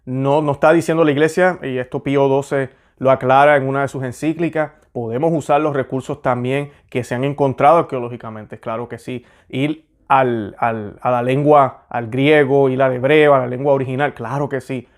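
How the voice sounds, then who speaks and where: A man's voice: mid-range voice, fairly even intonation, normal speed, few pauses. Hesitant man explaining church history. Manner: hesitant, self-correcting with many fillers. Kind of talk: casual teaching talk.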